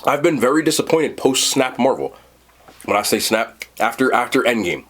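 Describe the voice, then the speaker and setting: Male food and movie reviewer. Off-the-cuff, rambling, blunt and slangy, with a highly varied pitch. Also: lively intonation, normal speed, fairly bright tone, breathy edge. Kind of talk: casual unscripted review chat.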